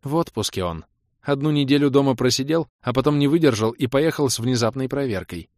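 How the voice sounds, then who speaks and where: A man's voice: mid-range voice, animated, darkish tone, no room sound, studio quality, pitched above the performer's own voice, natural voice. A man voicing a worried middle-aged mother who nags and fires off anxious questions. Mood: fretful. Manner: anxious, nagging, rapid questions.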